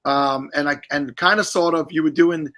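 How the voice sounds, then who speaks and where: Chatty man with a bright, forceful voice. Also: a little high, steady tone, normal speed. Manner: chatty, rambling, jokey. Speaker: podcast host. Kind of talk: casual livestream chat.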